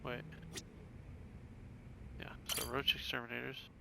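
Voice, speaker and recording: A man talks through a video game, his voice gravelly and blocked up by a cold. He mutters his thoughts as he works through puzzles. Steady background noise sits under the recording. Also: medium pitch, measured pace. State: stuffed up from a cold. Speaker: let's play gamer. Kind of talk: casual gameplay commentary.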